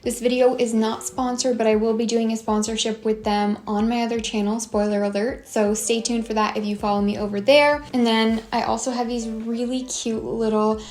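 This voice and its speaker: A young woman with a fairly high voice chats eagerly through a casual haul vlog. She gushes over each new find in a bright, chatty way. The sound carries a noticeable room echo. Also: level tone, normal speed, hardly any pauses. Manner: enthusiastic, bubbly, gushing. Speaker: beauty vlogger.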